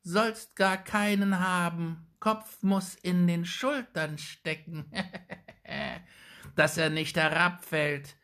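A man voicing a spiteful old crone who mutters slyly in a creaky, croaking voice. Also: high-pitched, sharp tone, pitched above the performer's own voice, heavily acted. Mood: muttering, sly. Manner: muttering, drawn-out, sly.

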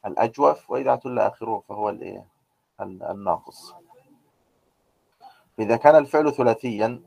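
A man teaching a grammar lesson. He explains step by step, asking rhetorical questions and filling pauses with drawn-out "aah" sounds. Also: mid-range voice, a little mellow, dry recording, highs cut off. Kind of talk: grammar lecture.

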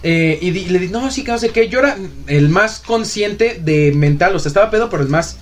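Fast-talking young Mexican man. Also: high voice, animated, a little hiss or hum. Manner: fast, slangy, swearing storyteller. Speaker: podcast host. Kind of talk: casual storytelling chat.

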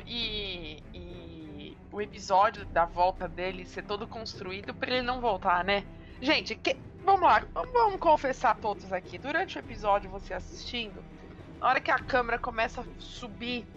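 A woman with a Brazilian Portuguese accent, chatting casually and telling things with animation to a group of friends on a podcast. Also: on the high side. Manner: animated storytelling, addresses the group. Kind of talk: casual chat. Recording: dull lo-fi recording.

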